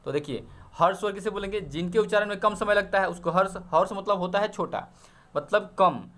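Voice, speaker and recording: A man's voice: sits high, brisk, fairly bright tone. A man teaching an exam-prep grammar lesson, explaining step by step and checking often that students follow. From Bihar.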